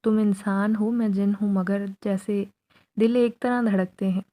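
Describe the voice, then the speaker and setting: A woman's voice: medium pitch, steady tone, mellow, natural voice. A woman voicing a young male jinn who pleads his love in a spoken horror story. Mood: earnest.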